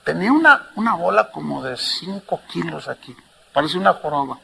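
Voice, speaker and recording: Male pastor, high bright voice, fervent preaching, faint noise behind. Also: sing-song, moderate pace, creaky. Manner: impassioned, shifts from hushed to loud. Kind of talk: sermon.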